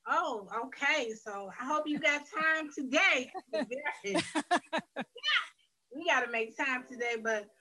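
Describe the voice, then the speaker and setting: A woman from Detroit, Michigan, USA, appears as a guest on a faith interview to give her personal testimony. She tells her life story earnestly and candidly in a high, slow, sharp voice, frequently restarting her phrases. The recording quality is low.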